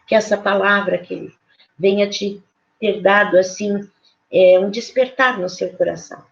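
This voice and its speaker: A woman's voice: medium pitch, fairly even intonation, moderate pace, vocal fry. A woman pastor preaching a sermon in a conversational way, with many small fillers. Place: church. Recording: dull lo-fi online service recording.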